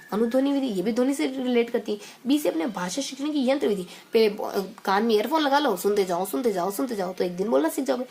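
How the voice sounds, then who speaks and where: A woman teaching an exam-prep lesson in a chatty way, repeating phrases and throwing in quick asides. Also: a little high, darkish tone, a little hiss or hum.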